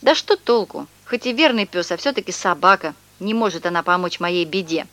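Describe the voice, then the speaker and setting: A woman's voice: fairly low pitch, lively intonation, a little fast, fairly bright tone, no echo. A woman reading aloud and voicing a tall young male swindler who sobs, wails and talks in slang, in a storybook reading. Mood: wailing. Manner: theatrical sobbing and wailing, slangy.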